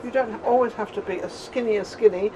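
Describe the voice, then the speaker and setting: An older English woman hosts a casual TV interview on a studio set with a sofa and flowers, chatting and rambling with frequent laughter. Her voice is medium-pitched and brisk, and the background is noisy.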